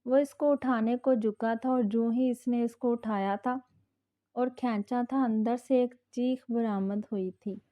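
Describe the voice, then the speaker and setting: Slow-paced woman narrating a novel. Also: a little high, fairly even intonation, muffled recording. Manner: measured storytelling. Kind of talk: scripted narration.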